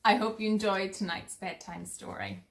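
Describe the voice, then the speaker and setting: A woman narrating a bedtime story for children in a gentle sleep-story manner. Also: mid-range voice, very animated, normal speed. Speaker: bedtime story reader for a primary school.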